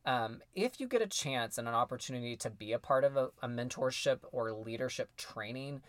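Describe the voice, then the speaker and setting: A man co-hosting a casual podcast as a choir director, animated and quick to laugh at himself. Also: medium pitch, dry recording.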